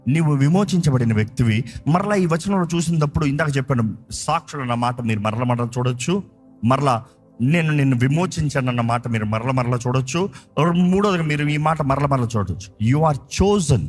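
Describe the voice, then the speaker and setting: A male pastor preaching a sermon in a Telugu accent, repeating phrases with emphasis and drawing key words out slowly. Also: fairly high pitch, slightly rough.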